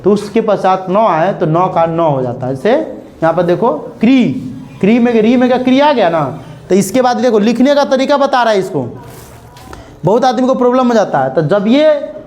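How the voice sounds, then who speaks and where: Animated and darkish in tone, with a high-sitting voice, a young man with a Bihar Hindi accent leads a grammar lesson. He keeps asking "clear?" while slowly spelling out and repeating examples.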